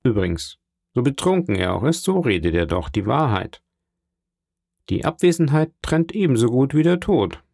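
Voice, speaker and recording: A man's voice: mid-range voice, very animated, moderate pace, gravelly, a little mellow, no echo, studio quality, voice pushed up. A man reading aloud and voicing a cunning, mocking schemer in a raised, sharper voice. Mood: persuasive.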